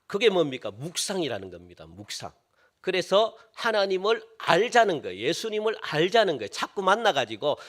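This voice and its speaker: A pastor preaching a sermon in a church, asking questions and answering them himself, repeating phrases and dropping to a hush on key words. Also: male voice, high-pitched. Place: church sanctuary.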